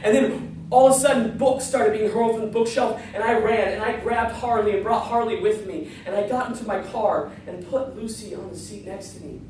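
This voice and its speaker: A man's voice: high voice, brisk, darkish tone. A man telling a comic, folksy tall tale live, with dramatic storytelling and acted-out dialogue. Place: large echoey room, live before an audience. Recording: distant, very echoey live room, background noise.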